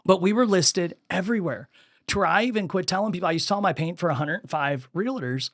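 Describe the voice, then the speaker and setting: A man's voice: sits high, quick pace, no echo, studio quality. A man hosting a podcast, telling stories in casual conversation and acting out the people he quotes. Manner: animated, acts out the voices of people in his stories. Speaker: podcast host.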